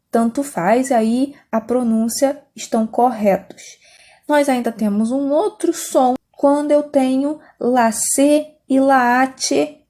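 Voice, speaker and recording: A Spanish teacher speaks with a Brazilian Portuguese accent, her high, warm voice explaining a language lesson patiently. She often checks in with her students.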